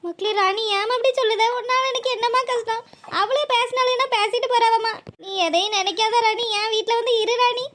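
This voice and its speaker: A woman's voice: very high-pitched, steady tone, fairly quick, noisy background. A woman voicing a kindly older village mother in a cartoon, soothing and pleading. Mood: consoling. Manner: soothing, pleading, repeats endearments. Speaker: cartoon character.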